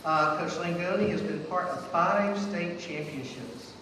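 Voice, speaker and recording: A man presents an award, reading his speech with jokes and small stumbles. His voice sits a touch high and comes from far off the mic, echoing around a big hall. Steady noise hangs in the room. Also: a little slow. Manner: joking, stumbling while reading. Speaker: ceremony presenter. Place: event hall indoors. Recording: echoey hall from far off, noisy.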